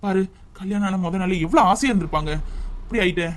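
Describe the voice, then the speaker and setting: A man playing an earnest young husband in a home drama, talking fast in a high voice, urging and advising with steady concern. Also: natural voice. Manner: urgent, advising. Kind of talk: family drama skit.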